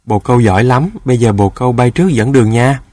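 A man's voice: mid-range voice, quick pace, darkish tone, dry recording, studio quality, close to an everyday voice. A man voicing a proud, friendly boy of about twelve in a storybook, a bit boastful. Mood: cocky.

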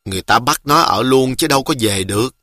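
A man's voice: mid-range voice, animated, fast talker, natural voice. A man voicing an old, poor beggar woman who anxiously questions her son. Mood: worried.

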